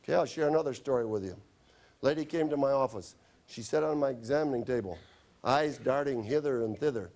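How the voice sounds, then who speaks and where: A man's voice: mid-range voice, fairly quick, darkish tone. A man who is a doctor, telling chatty, wry anecdotes in a health lecture. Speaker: doctor giving a stop-smoking talk.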